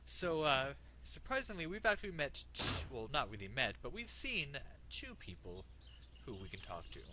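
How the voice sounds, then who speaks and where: Bright, lively man doing game commentary. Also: medium pitch, normal speed, a little hiss or hum. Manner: joking, reacts aloud to the game. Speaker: let's play host.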